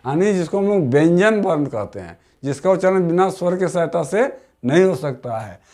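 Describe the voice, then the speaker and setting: A man teaching a grammar lesson for exam prep. He keeps asking the class questions, answers them himself, and stretches key sounds out slowly. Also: a little high, animated, a little mellow. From Jharkhand.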